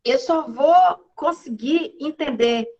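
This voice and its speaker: Woman teacher, high-pitched, relaxed chatty delivery on a video call class. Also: slow pace, lo-fi sound. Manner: casual, chatty, checks in with students. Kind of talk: online class lecture.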